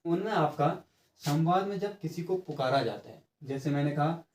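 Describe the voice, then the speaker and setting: A man's voice: fairly high pitch, moderate pace, darkish tone, a little hiss or hum. A man giving an exam-prep grammar lesson, explaining step by step, checking in with his students and stretching sounds out to demonstrate them. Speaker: teacher. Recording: echoey room.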